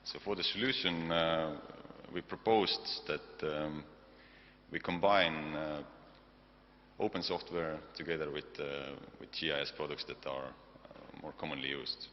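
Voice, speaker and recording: A man from Estonia with an Estonian accent, giving a technical conference presentation in a halting, hesitant way with frequent pauses. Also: rumbling low, steady tone. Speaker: conference presenter, software developer side. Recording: dull, noisy hall recording with long reverb, hum.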